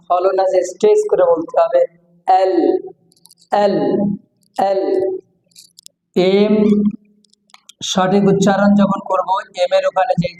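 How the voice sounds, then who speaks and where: A Bangladeshi man teaches English letters, slowly repeating each sound as a drill. His voice is dark and mellow, and it rings out in a roomy hall with a long reverb. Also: sits high. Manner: slow, repeats words several times for drill. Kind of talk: lecture on pronunciation.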